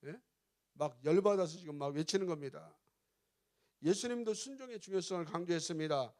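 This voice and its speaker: A middle-aged male pastor preaching emphatically, questioning the congregation and rising to loud exclamations. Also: a little high, a little fast. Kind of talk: revival sermon.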